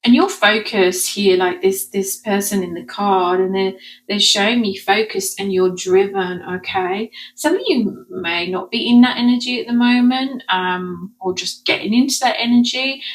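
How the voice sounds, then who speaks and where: On poor audio, a mid-range female voice with an Essex English accent swallows her T's as glottal stops. She's a spiritual card reader from Essex, England, rambling chattily through an intuitive reading for her viewers and frequently pausing to ask "okay?"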